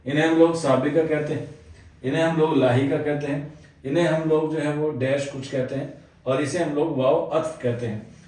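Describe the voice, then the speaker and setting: A man's voice: a little high, fairly even intonation, moderate pace, darkish tone, recorded from a distance. A man teaching an exam answer-key lesson, explaining step by step and constantly padding his sentences with the same filler phrase. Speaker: Urdu exam coaching teacher. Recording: very echoey room, voice off-mic.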